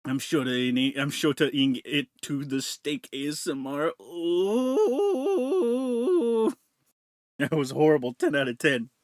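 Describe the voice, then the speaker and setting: This home streamer has a mid-range, flat delivery at normal speed with few pauses, joking crudely with his chat while chewing into a desk mic that removes noise. The audio is clean studio sound without echo.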